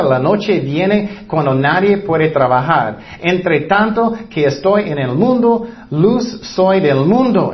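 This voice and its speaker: A man preaching a sermon, earnest and teaching, with light self-deprecating humor. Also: fairly high pitch. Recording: dull lo-fi recording.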